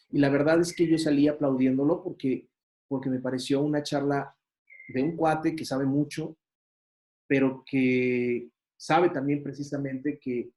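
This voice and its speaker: A man's voice: medium pitch, darkish tone. A man with a Mexican accent lecturing a university class in a conversational way, full of fillers and rhetorical questions. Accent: Mexican Spanish. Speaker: university teacher.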